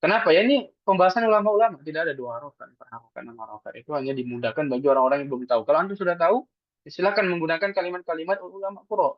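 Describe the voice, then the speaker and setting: A man teaches recitation in a calm, patient way. His voice sits a little high for a man, and it comes through a dull, dry, lo-fi recording. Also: rapid-fire, no echo. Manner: patient, explains step by step, asks and answers his own questions. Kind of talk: online religious lesson.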